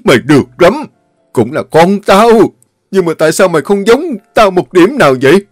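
A man voicing a stern, grief-stricken elderly father, scolding and shouting at his son. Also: mid-range voice, animated, moderate pace, no room sound, studio quality, faint music behind, close to an everyday voice. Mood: furious.

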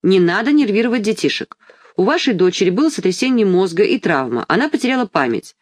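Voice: mid-range voice, big pitch swings, quick pace, dry recording. A reader voicing a pushy, crooked male doctor who gives curt orders. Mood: coaxing. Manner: curt, commanding.

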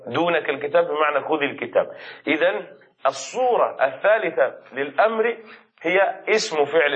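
A man teaching an Arabic grammar lesson to students. He explains slowly, repeats key words and keeps asking them questions as he goes. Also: a little high, a bit bright, lo-fi sound. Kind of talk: classroom lesson.

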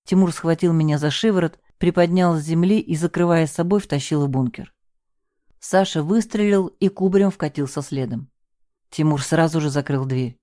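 A woman with a low, dark, mellow voice narrates a tense first-person story. The sound is dry and close, with no room around it. She lifts her pitch and pushes harder when the characters shout. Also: moderate pace, no echo. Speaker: audiobook narrator.

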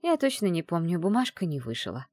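A woman reading the part of a caring, shrewd middle-aged witch mother in an audiobook, in a gentle, teasing way. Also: fairly low pitch, very animated, brisk, dry recording, clean studio sound. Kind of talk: audiobook character voice.

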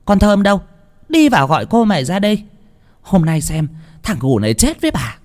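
A man's voice: high-pitched, wildly swooping pitch, a little fast, voice pushed up. A man voicing a cruel old woman, the mistress of a house, spitting out orders. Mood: commanding. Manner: spiteful, barking orders.

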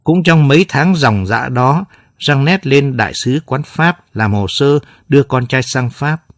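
A man narrating a dramatic story in a steady, measured way. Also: mid-range voice, no echo, clean studio sound.

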